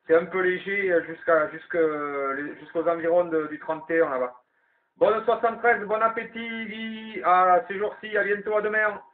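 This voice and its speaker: Heard through tinny, narrow-band FM CB radio, a man whose voice sits high talks at normal speed with fairly even intonation. He's the amateur operator leading the round of calls, thinking aloud in an informal, colloquial way as he hands off to others.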